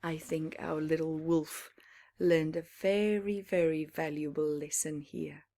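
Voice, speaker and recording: This low-voiced woman gives an animated storytime reading of a picture book for young children. She pauses dramatically and stops to explain bits for her young audience.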